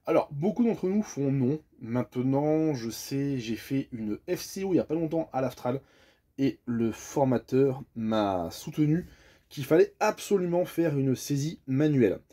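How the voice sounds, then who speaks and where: Man from france, casual how-to talk, husky mellow voice, lots of ums. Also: medium pitch, animated, unhurried. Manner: friendly, chatty, hesitant with many fillers. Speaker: bus driver explaining a tachograph.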